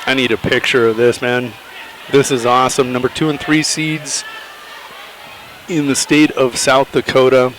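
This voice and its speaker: An upbeat man calling wrestling matches play-by-play. His voice sits at an ordinary middle pitch, and he talks in a chatty way, laughing easily with his partner. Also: flat delivery, moderate pace, a bit bright, slight background noise, low-quality recording. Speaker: wrestling commentator. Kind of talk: play-by-play commentary.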